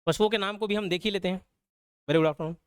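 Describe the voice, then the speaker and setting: Brief: young male online tutor, high and crisp voice, casual and explanatory, keeps checking in with students. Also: steady tone, a little fast. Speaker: online exam-prep teacher. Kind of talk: live online class lecture.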